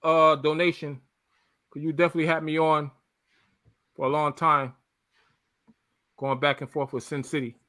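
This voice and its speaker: A man's voice: fairly high pitch, flat delivery, moderate pace, long pauses, bright, forceful tone, no echo, clean studio sound. A middle-aged man with a New York accent arguing casually on a live chat, defensive and rambling, repeating phrases.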